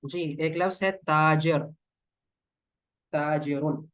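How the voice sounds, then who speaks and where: A male teacher leads a grammar lesson at a slow, deliberate pace. He sounds down to earth and repeats words patiently for his class, with a slightly high voice. The recording is dry and close. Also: fairly even intonation, fairly bright tone, smooth, no echo.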